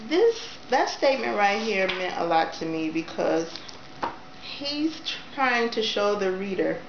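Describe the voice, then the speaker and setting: A woman's voice: mid-range voice, sing-song, slow pace. A young woman reviewing a book in a casual vlog, chatty and enthusiastic, with lots of fillers, talking close to her camera in a small room. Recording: roomy, dull lo-fi camera audio with faint hiss.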